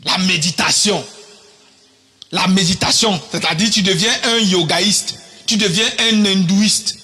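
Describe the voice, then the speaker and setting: A man preaching a fiery sermon, shouting in a sing-song cadence and repeating phrases. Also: high-pitched, a little slow, soft background music. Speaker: prophet preaching. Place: church service.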